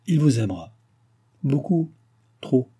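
Man voicing grave sorcerer, solemn, menacing, dark husky tone, audiobook. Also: medium pitch, expressive, takes it slowly, voice pushed up. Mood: prophetic.

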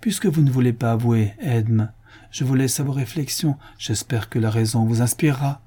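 A man reading the part of a stern, calm middle-aged father with a deep voice, speaking in a controlled way. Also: moderate pace, breathy edge, natural voice. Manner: calm, controlled, bitter irony.

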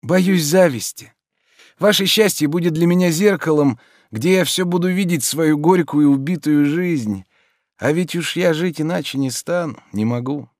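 A man voicing a gentle, idle nobleman who is emotional, gushing and easily moved to tears. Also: on the high side, moderate pace, no room sound, clean studio sound, voice pushed up, close to an everyday voice. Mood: melancholy. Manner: excitable, tearful, gushing.

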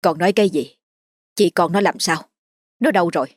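A woman's voice: on the low side, brisk, no echo, clean studio sound, close to an everyday voice. A woman doing a distraught village mother. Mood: alarmed. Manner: agitated questioning. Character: middle-aged village mother, alarmed and upset.

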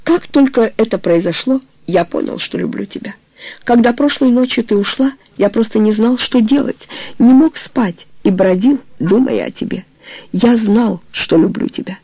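A man's voice: high-pitched, lively intonation, moderate pace, dark tone, breathy edge, no echo, highs cut off, full character voice. A reader voicing a passionate young man pleading with his beloved to marry him, in an audiobook. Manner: pleading, tender, insistent. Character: ardent young man proposing marriage, passionate. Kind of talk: audiobook character reading.

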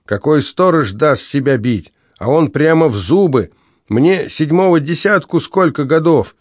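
A man's voice: a little high, animated, unhurried, no echo, clean studio sound, voice pushed up. A man voicing a grumbling, indignant old watchman in his sixties, in an audiobook reading.

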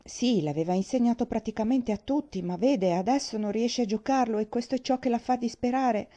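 An anxious, tender-hearted young maid from a storybook, earnest and apologetic, always sounding near tears, as a woman reader puts her on. The voice is mellow and soft. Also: on the high side, a little fast, muffled recording, voice pushed up, natural voice. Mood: distressed.

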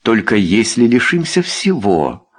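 A man doing a pompous, guilty gentleman. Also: on the low side, big pitch swings, unhurried, exaggerated voice. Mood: confessing. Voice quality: pompous, then mumbling.

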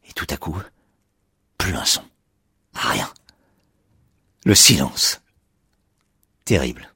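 Excitable defiant confessor, voiced by a man: low, husky, dry, bursts loud. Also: slow pace, dry recording, heavily acted. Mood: mocking. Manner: excitable, sarcastic, swings to shouting. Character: agitated man confessing he killed his noisy house.

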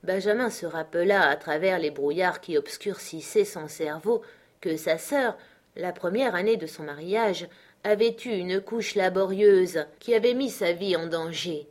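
A woman reading a classic novel aloud in a measured storytelling manner. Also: fairly low pitch. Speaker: audiobook narrator. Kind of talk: literary audiobook narration.

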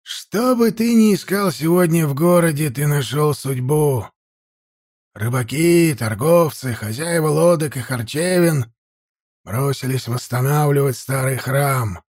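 A man voicing a stern, harsh-voiced old male high priest who lectures sharply, in an audiobook reading. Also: measured pace, darkish tone, no echo, clean studio sound. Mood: stern lecturing.

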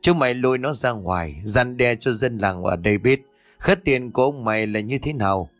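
A man's voice: medium pitch, normal speed, a bit bright, no room sound, soft background music, close to an everyday voice. A man voicing a cruel, domineering old village landlord who barks orders at his servants in a ghost story. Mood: harsh commanding. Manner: barking orders, menacing.

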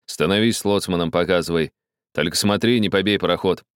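A man playing a gruff steamboat captain. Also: sits low, a little fast, no room sound, clean studio sound, natural voice. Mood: exasperated. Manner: curt and exasperated.

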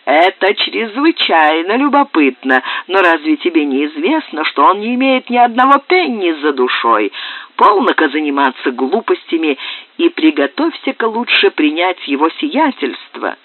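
A woman voicing a scheming, menacing middle-aged father with a gruff, commanding manner, on a tinny, dry recording. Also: lowish voice, big pitch swings, normal speed, no room sound. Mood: mocking. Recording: tinny, narrow-band, dry.

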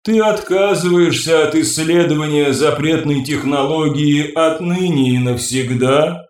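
A man voicing a serene, commanding female being made of flesh, speaking slowly and solemnly with a soft, ringing, imperious voice. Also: a little high, echoey room. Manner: slow solemn ritual pronouncements.

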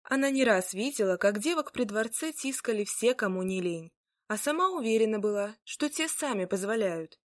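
A woman storyteller giving an expressive, dramatic fairy-tale reading. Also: medium pitch, normal speed, no echo, studio quality.

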